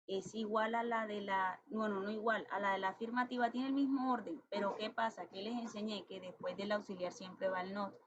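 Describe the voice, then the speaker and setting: A woman teacher walks through a grammar lesson step by step, patient and methodical. She reads each English example out slowly and carefully. The recording is dull and lo-fi, with a faint hiss behind her. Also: mid-range voice, fairly bright tone. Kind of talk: classroom lesson explaining grammar. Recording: dull lo-fi sound with faint noise.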